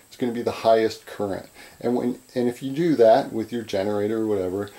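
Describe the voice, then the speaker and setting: A man giving an informal chalkboard lecture as an instructor, halting and repetitive, often checking in with "right?". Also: lowish voice, fairly even intonation, dark tone, rough recording. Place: indoors at a chalkboard.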